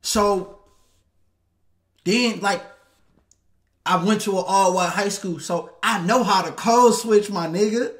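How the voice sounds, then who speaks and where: A man's voice: high-pitched, slow pace, pauses often. Blunt, slangy male stream host. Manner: blunt, profane street slang. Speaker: channel host. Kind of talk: casual livestream talk reading viewer messages.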